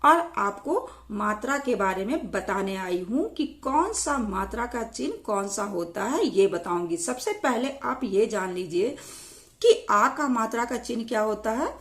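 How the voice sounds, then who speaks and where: A woman teaches Hindi vowel signs. She spells each word out sound by sound and repeats herself often, in a slow, patient classroom manner. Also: a little high, animated. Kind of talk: explaining lesson on vowel signs.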